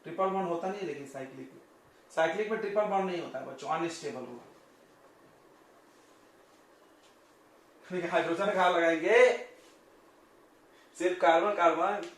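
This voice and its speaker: A male coaching-class teacher giving a chatty chemistry lesson, joking with his students and firing quick questions at them. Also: fairly high pitch, slight background noise. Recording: very echoey classroom, distant mic.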